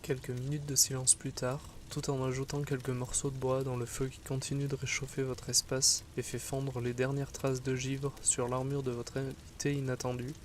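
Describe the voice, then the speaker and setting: A man reading a scripted second-person fantasy tale as narrator, in a measured, solemn storytelling manner. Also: medium pitch, a little mellow, a little hiss or hum.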